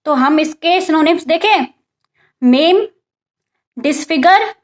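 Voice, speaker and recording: High-voiced woman teaching vocabulary. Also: lively intonation, slow. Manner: asks and answers her own questions, repeats words; mixes English vocabulary into Hindi explanation. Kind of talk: casual spoken lesson.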